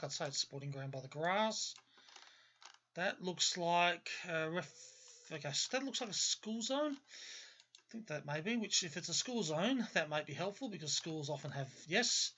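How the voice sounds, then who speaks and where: An Australian man who grew up in Melbourne hosts a gaming video series, offering casual, discursive commentary as he thinks aloud and frequently qualifies or corrects himself. His voice is a little high and fairly bright, though the audio is dull.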